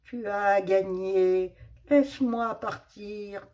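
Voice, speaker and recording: A woman plays a menacing panther spirit from a storybook forest, slow and heavy in her threats. She snarls out her words with weight. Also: mid-range voice, a little mellow. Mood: pleading. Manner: growling fury turning to trembling pleas.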